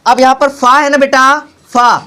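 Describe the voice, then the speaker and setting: A man's voice: very high-pitched, flat delivery, normal speed, sharp tone, clear, resonant tone. A young man teaching as a tuition teacher, drilling his pupils with repeated call-and-response questions and calling them beta. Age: young adult. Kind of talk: classroom lesson. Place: tuition classroom with children. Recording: noisy classroom recording with clicks.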